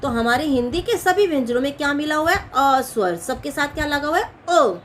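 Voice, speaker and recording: Woman teacher, high voice, question-and-answer drilling style, faint background noise. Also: animated, a little fast. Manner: asks questions and answers them herself, repeating key points. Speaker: Hindi grammar teacher. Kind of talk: classroom-style explanation.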